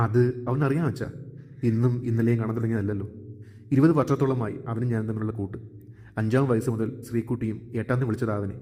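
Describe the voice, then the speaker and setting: A man voicing a young, protective elder brother who talks gently and reassuringly. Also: mid-range voice, steady tone, quick pace, natural voice. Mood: earnest. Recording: long hall reverb.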